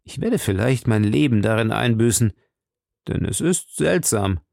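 A man's voice: mid-range voice, lively intonation, measured pace, creaky, a little mellow, no room sound, clean studio sound. Man playing an ardent lovesick duke. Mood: earnest. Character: lovesick, fatalistic noble duke.

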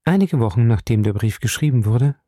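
Man doing earnest young woman, measured, audiobook. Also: mid-range voice, expressive, warm tone, no echo, clean studio sound, close to an everyday voice. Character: young lady, earnest and composed. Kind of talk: audiobook reading.

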